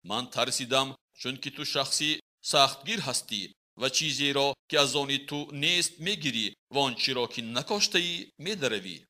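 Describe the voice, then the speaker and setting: A man's voice: medium pitch, sharp tone. A man voicing a fearful servant who pleads and apologizes to his master in a read-aloud story. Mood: pleading.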